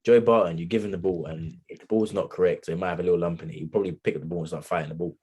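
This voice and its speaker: A man's voice: low-pitched, steady tone, racing, warm tone, breathy edge. A man co-hosting a podcast, telling stories emphatically in casual banter. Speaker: podcast co-host. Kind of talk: casual chat.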